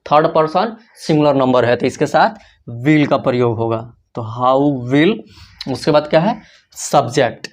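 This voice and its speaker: A man's voice: a little high, a little slow. A man teaching an English grammar lesson in Hindi, who keeps asking questions and answering them himself. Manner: asks questions and answers them himself, repeats key points.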